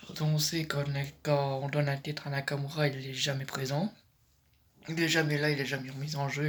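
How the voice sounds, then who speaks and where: A man's voice: a little high, a bit bright. A man with a French accent giving casual commentary in a vlog, hesitant and often correcting himself mid-sentence. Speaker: YouTuber giving predictions.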